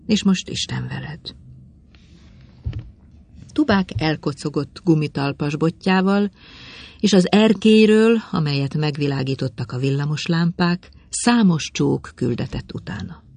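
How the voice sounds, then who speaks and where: A narrator reading a story aloud in a measured, expressive way. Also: medium pitch, gravelly.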